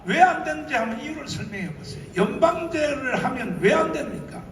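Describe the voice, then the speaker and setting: A pastor preaching a fiery rally speech in a large convention hall, throwing rhetorical questions at the crowd and shouting them down. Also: male voice, extremely high pitch, animated, brisk. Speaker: pastor addressing a political rally. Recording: echoey hall from far off, noisy.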